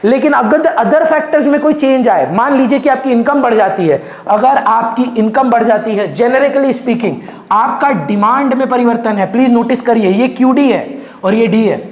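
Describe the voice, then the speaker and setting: A man giving a fast exam revision lecture on economics, emphatic and repeating key terms, switching English terms into his speech. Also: very high voice. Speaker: economics teacher. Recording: echoey room.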